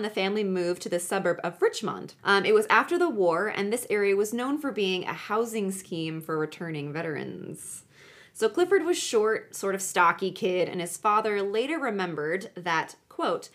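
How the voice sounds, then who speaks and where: A woman's voice: mid-range voice, fairly bright tone. A woman hosting a podcast, narrating true crime in a chatty, conversational way with joking asides. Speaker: podcast host.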